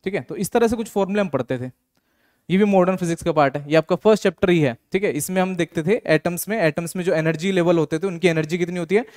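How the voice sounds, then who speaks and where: High-voiced Indian physics teacher. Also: male voice, darkish tone. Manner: talks students through problems with repeated rhetorical questions; reads English question text slowly. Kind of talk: exam solution walkthrough lesson.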